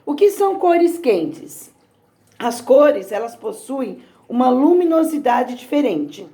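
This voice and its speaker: Brazilian woman, primary teacher, warm and mellow tone, exaggerated slow syllables for children. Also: high voice, very animated. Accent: Brazilian Portuguese. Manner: slow, exaggerated sounding out of words. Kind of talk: recorded lesson for young children.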